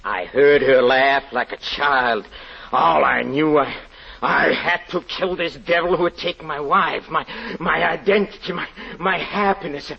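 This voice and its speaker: In a theatrical 1940s radio drama, a male actor plays a haunted, grieving European husband confessing a tragedy, halting, stammering and pleading in desperation. His voice is a little high, husky and heavily acted, with vocal fry, and the old radio recording is muffled and noisy.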